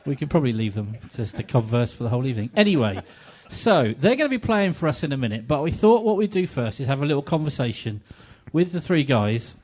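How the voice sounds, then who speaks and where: A man's voice: mid-range voice, fast, hardly any pauses. A man hosting a live on-stage interview in a cafe, chatty and joking with his guests. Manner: jokey, chatty and animated. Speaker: interviewer and event host. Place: cafe venue with a live audience.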